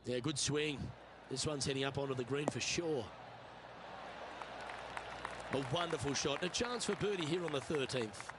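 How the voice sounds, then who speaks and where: A man giving measured, approving golf commentary for a video game. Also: mid-range voice. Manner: measured, approving, understated remarks. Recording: loud crowd and course noise mixed under voice. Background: loud crowd and outdoor ambience.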